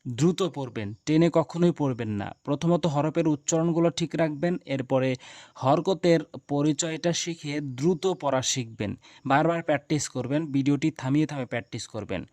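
Firm, high-toned Bengali male teacher. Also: darkish tone, no room sound. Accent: Bangladeshi Bengali. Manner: drills syllables in quick repeated chants; firm, insistent corrections. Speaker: Quran recitation teacher. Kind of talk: instructional lesson.

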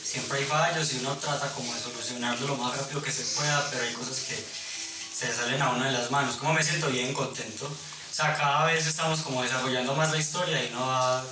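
A man's voice: medium pitch, fairly even intonation, a little fast, far from the mic. A man in his twenties with a Colombian accent, talking casually in a behind-the-scenes interview. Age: 20s. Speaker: film crew member. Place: small indoor room. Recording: echoey room, off-mic, loud music behind.

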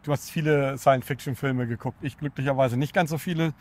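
A man at a middle pitch asks calm, brief interview questions, sitting a little back from the microphone, so his voice comes across slightly distant. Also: brisk.

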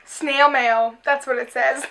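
A young woman hosting a casual candy taste-test, chatty and quick to say things are gross. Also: sits high, fairly even intonation, fairly bright tone, rough recording. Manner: chatty, easily grossed out, giggly. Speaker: host.

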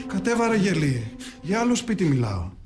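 A curt, angry man who snaps at his friend. His voice sits high and hard, and his words come clipped and scornful. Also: sing-song, music in the background.

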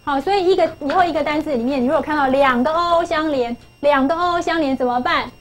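High-voiced woman teaching phonics. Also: quick pace, rough recording. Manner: coaxing, asks pupils questions, repeats key phrases. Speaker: English teacher. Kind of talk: classroom phonics lesson.

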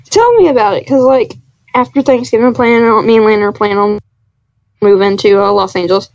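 A woman's voice: mid-range voice, a little fast, darkish tone, lo-fi sound. A young woman guesting on a casual podcast, goofy and giggly, deadpanning absurd jokes. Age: young adult. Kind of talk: casual chat.

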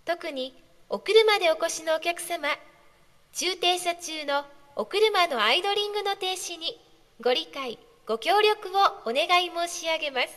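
A woman making polite, measured, formal announcements over a shopping mall's public address system. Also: very high voice, lively intonation, a bit bright. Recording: long reverb of a large hall.

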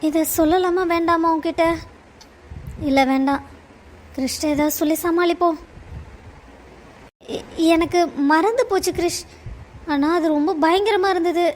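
This is an outspoken young wife in a cartoon family drama, voiced by a woman. Her voice is very high, and she talks emotionally and often stammers. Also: steady tone, unhurried, pauses often, slight background noise. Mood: frightened.

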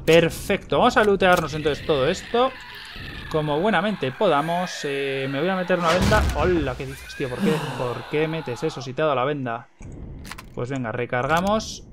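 A young man from Spain with a Castilian accent, giving excitable gameplay commentary, repeating words in bursts and swearing when startled. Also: on the high side, normal speed, background noise. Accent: Castilian Spanish. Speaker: gaming YouTuber.

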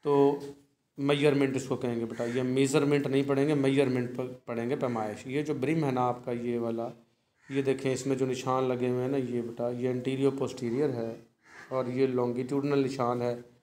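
A man giving a recorded lecture. He reads English lines slowly and then explains them patiently to his students, calling them "beta". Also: mid-range voice, little pitch movement, dark tone. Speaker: teacher.

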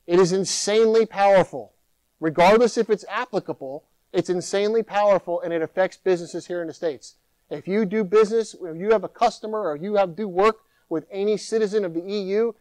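A middle-aged man, a keynote speaker, answering audience questions at a conference podium in an animated way, sometimes mimicking complaining users. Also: sits high, clear, resonant tone, no room sound, poor audio. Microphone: podium microphone.

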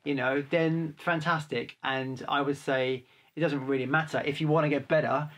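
A man, a photographer, casually answering viewer questions to camera in a relaxed, chatty way. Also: a little high, moderate pace. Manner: chatty, relaxed, handles gear while talking.

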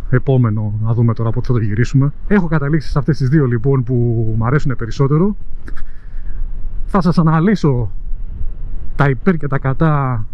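A man's voice: fairly high pitch, lo-fi sound. A man with a Greek accent vlogging from his motorcycle on city streets, chatting casually and teasing his viewers. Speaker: motovlogger. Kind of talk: casual chat while riding.

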